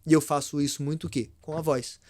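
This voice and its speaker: A Brazilian man, a speaking mentor, explaining on a podcast in an animated way, often speeding up, slowing down and raising his voice for effect. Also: a little high, no echo. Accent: Brazilian Portuguese. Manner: animated, varies pace and loudness for effect.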